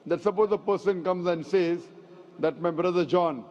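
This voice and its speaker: A man's voice: high voice, darkish tone. Man lecturing in an echoey hall. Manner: measured, explanatory, emphatic. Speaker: speaker answering audience questions. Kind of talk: public lecture Q&A. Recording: echoey hall, dull lo-fi sound.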